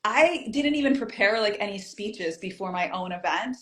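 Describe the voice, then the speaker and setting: This community group founder talks at normal speed in a mid-range, slightly bright voice with lively intonation, and the room sounds roomy. During a casual interview she tells stories and plays out what went through her head in the past.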